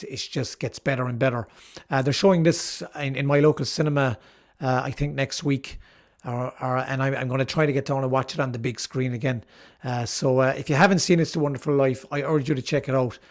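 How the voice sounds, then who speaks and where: A middle-aged man hosting his own channel, talking casually and enthusiastically about favourite films, with frequent fillers and restarts. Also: medium pitch. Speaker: channel host reviewing films. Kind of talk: casual video commentary.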